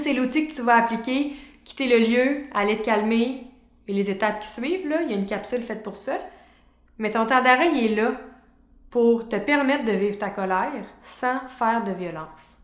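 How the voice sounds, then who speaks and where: A woman counsellor with a Québécois French accent explains ideas to a group of men in a frank, informal way, speaking to them directly and calling them "the guys". Her voice sits a little high. It rings with the echo of a bare room. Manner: direct, informal, addresses listeners as "les gars". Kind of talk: educational talk to a men's group.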